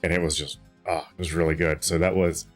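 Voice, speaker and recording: Tired, rambling deep-voiced man. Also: level tone, brisk, faint music behind. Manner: rambling, chatty, many fillers and restarts. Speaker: streamer. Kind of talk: casual chat while gaming.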